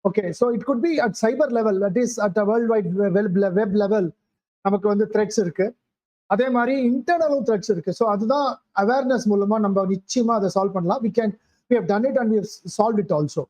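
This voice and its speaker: A man's voice: high voice, rapid-fire, darkish tone, low-quality recording. An older man with a Tamil Indian accent gives an informal talk as a guest speaker, in hesitant, repetitive phrasing. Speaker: guest speaker, IT security consultant.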